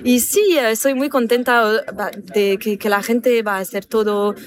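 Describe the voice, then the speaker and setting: A woman answering a street interview outdoors, halting and searching for words. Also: on the high side.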